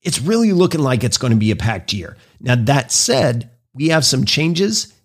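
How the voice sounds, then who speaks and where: A man hosting a podcast, delivering a scripted intro and monologue in an earnest, measured, persuasive way. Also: mid-range voice, sing-song, breathy edge. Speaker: podcast host.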